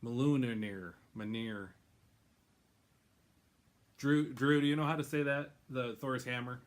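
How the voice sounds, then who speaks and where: A man's voice: medium pitch, little pitch movement, fairly quick. A man hosting a drawing show, chatting casually and rambling, laughing often. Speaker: host. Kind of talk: casual chat.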